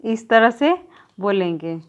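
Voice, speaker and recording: Slow, deliberate woman teacher. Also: mid-range voice, expressive, clean tone, dull audio. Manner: slow, deliberate explaining, drawing out example sounds; writes on a board while teaching. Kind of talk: exam-prep grammar lesson.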